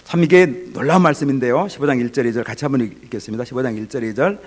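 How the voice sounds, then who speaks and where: A man preaching an afternoon sermon as a pastor, acting out the characters' lines with big swings between loud and quiet. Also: medium pitch, very fast. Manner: acts out the father and son in dialogue, swinging from loud to hushed.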